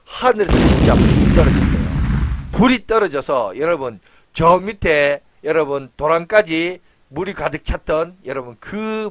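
A male pastor giving a children's sermon, telling a Bible story in an animated way and asking the children questions. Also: fairly high pitch, no echo.

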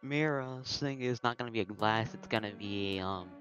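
A man's voice: fairly low pitch, normal speed, muffled recording. Bantering male gamer over game music. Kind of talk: casual gaming chat with a friend.

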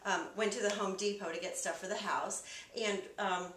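A woman's voice: mid-range voice, moderate pace, reverberant, far from the mic, a little hiss or hum. A woman casually telling a funny anecdote, acting out the people in it. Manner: animated, acts out the people in her story. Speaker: storyteller.

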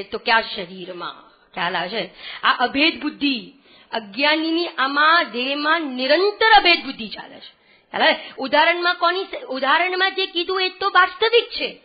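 A woman giving a religious discourse, often asking her listeners whether they follow. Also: sits high. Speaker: scripture study teacher. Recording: dull lo-fi recording.

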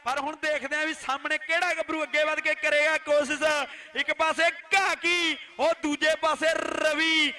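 Very high, bright Punjabi man commentating kabaddi. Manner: declamatory, chanting announcer delivery with repeated phrases. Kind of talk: live play-by-play sports commentary.

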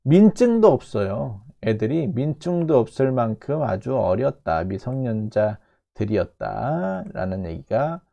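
A man walks students through a news clip, his voice gravelly and dark. He takes his time, repeating each English phrase and pulling it apart for meaning. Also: medium pitch, sing-song. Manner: repeats English phrases slowly and breaks them down. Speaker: English teacher. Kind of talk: lecture explaining a news clip.

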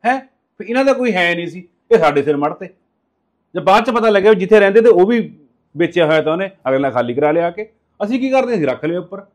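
A man's voice: sits high, lively intonation, fast. A man playing a stern husband who lectures his wife insistently.

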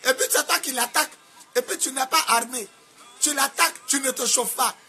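A man from Côte d'Ivoire with an Ivorian French accent, preaching a sermon in a sing-song cadence with sudden shouts. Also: extremely high pitch, a little fast. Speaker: apostle preacher.

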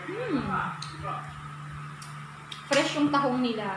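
A woman's voice: high voice, sing-song, very slow, noisy background. A woman vlogger chatting casually and savoring food aloud while chewing with her mouth full. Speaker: mukbang vlogger. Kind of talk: casual eating chat. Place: indoors at a meal table. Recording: roomy with clattering dishes.

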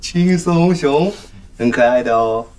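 A man's voice: medium pitch, measured pace, a little mellow, natural voice. A man acting a playful young character in a TV drama, cooing as if to a toddler. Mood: playful coaxing. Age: young adult. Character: playful young man coaxing a shy child. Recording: background music over dialogue.

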